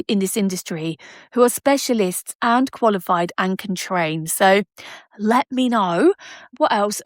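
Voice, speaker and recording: A woman's voice: medium pitch, dry recording. Lady podcasting from home, chatty and wandering off topic, dry close sound. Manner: chatty and digressive, laughs often. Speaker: podcast host. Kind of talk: casual chat. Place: at home by patio doors.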